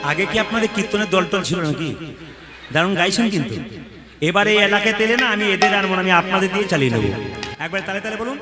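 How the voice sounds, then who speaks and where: Male kirtan leader, high bright voice, live folk music behind, playful crowd banter. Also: quick pace. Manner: playful, coaxing the crowd, laughs between lines. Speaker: kirtan singer leading a gathering. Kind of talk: devotional kirtan call-and-response with banter. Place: village kirtan gathering.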